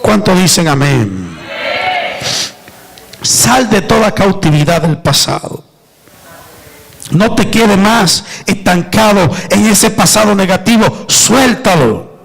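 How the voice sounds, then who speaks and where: A man preaches in a strikingly high, husky voice, pressing each point with fervor. He calls out to the congregation and urges them to answer back. He delivers a sermon from the pulpit. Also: expressive, takes it slowly, pauses often, poor audio. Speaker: pastor. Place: church before a congregation.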